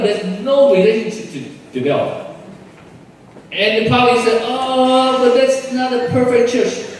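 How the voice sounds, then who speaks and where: Far-off pastor in an echoey church. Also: male voice, very high voice, a little mellow, a little hiss or hum. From Taiwan. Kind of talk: sermon. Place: large church hall.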